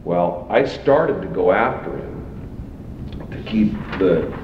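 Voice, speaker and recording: A man, a police officer, giving halting recorded testimony and often repeating himself. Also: low-pitched, lively intonation. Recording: roomy, distant, muffled, noisy archive tape.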